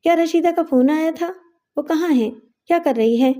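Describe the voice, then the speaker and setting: A woman's voice: high voice, mellow, pitched above the performer's own voice, natural voice. A woman voicing a middle-aged father who speaks in an urgent, commanding way. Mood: alarmed.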